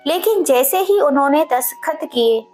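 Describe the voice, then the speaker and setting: A woman telling a story in scripted narration, with a steady storytelling delivery. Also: high-pitched, normal speed, faint music behind.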